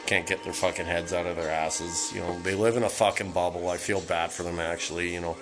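Solo host, a man from Canada: a foul-mouthed, rambling late-night rant, low-pitched, with a record playing behind him. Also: little pitch movement, brisk, rough recording. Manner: swears constantly, heated and rambling. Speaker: solo podcaster ranting. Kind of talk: casual profane rant. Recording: music playing in the background. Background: music from a record player.

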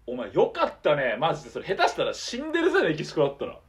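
Guy cracking jokes at his friend, high voice, swings all over. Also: huge pitch swings, very fast. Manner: reactive, teasing listener who laughs and jokes. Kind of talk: casual chat.

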